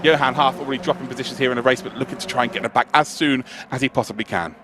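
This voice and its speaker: A man's voice: medium pitch, fairly even intonation, racing, slight background noise. A man giving live motorsport commentary on esports sim racing, analysing in a conversational, enthusiastic way.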